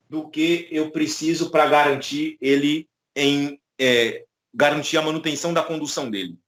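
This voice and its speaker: A man's voice: a little high, fairly bright tone. A man with a Brazilian Portuguese accent teaching an online electronics class, explaining patiently and checking in often with the students. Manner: explanatory, many "tá?" and "né?" tags.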